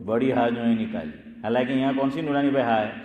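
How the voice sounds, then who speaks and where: A man's voice: medium pitch, darkish tone. A man, an Islamic scholar, giving an informal lesson on recitation, questioning listeners by name and chanting phrases to show how they are said. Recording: echoey hall with long reverb.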